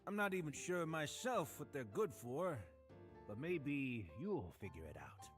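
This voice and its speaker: Casting: courtly, unsettling game bartender, lively polite lilt, faint music behind. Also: male voice, on the high side, unhurried. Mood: genteel. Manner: genteel and polite, oddly eager. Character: suave, courteous male hotel bartender who collects ears. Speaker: game character.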